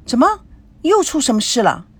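A woman voicing a spoiled, excitable teenage girl who talks in a whiny, pouty way and fires off rapid questions. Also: high-pitched, pitched above the performer's own voice. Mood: anxious.

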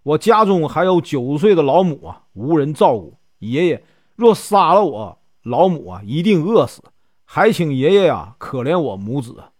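A man's voice: a little high, sing-song, normal speed, no room sound, studio quality. A man voicing a cowardly bandit begging for his life, in a storybook telling. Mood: pleading. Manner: begging for mercy.

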